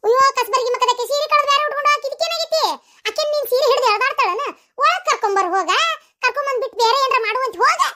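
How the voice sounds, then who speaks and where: A sharp-tongued older mother-in-law with a North Karnataka Kannada accent scolds and mocks in a comic family skit, as a woman puts her on. Her voice sits very high and her words come fast. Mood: scolding. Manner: scolding, mocking, bossy. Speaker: comedy sketch performer.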